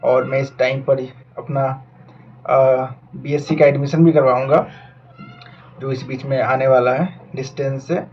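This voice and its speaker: A man's voice: mid-range voice, steady tone, unhurried, lo-fi sound. A young man in his twenties from India, talking earnestly and reflectively to camera and mixing in English words. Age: 20s. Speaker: vlogger and aspiring doctor. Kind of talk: casual talk to camera.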